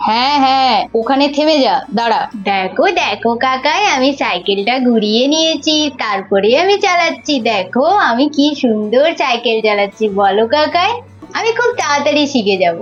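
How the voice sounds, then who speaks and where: A gentle, reassuring young uncle speaks in a lower, steady voice, as a woman puts him on. He soothes a worried sister-in-law and coaxes the children along with patience. The storybook recording sounds slightly muffled, with soft music running underneath. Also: normal speed, close to an everyday voice. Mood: encouraging.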